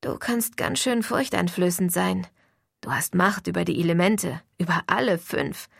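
A woman voicing a soft-spoken teenage vampire boy. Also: fairly low pitch, normal speed, vocal fry, breathy edge, no echo, clean studio sound, exaggerated voice. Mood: tender. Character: gentle teenage boy vampire, caring, steady.

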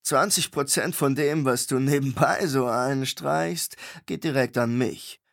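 A male audiobook reader voicing a grubby, gruff middle-aged tavern keeper who talks bluntly in coarse slang. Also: medium pitch, unhurried.

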